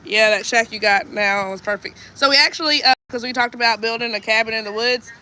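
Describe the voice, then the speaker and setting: On a homesteading live stream, a female vlogger with a stuffed-up nose chats, reads viewer comments aloud, and laughs easily. Her voice sits on the high side, steady but sharp, and she talks a little fast.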